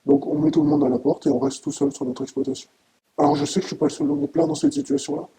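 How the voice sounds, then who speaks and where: A middle-aged dairy farmer giving an anonymous interview, his voice disguised by being pitched down deep, speaking haltingly and emotionally with many restarts. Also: gravelly, mellow, rough recording.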